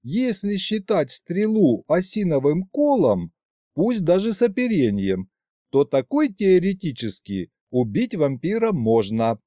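A man voicing a young vampire woman who drawls in a raised, calm voice. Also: fairly high pitch, measured pace, no room sound, clean studio sound, voice pushed up. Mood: drawling.

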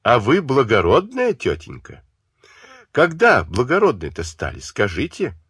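A husky-voiced man doing a furious, scornful young woman in a storybook, flinging accusations with a lively rise and fall. The voice is low at its base, set in a dry, close sound. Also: unhurried, no echo, exaggerated voice. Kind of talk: audiobook character voice.

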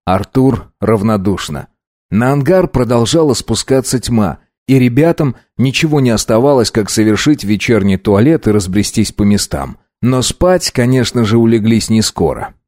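Steady male audiobook narrator. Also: medium pitch, dry recording, studio quality.

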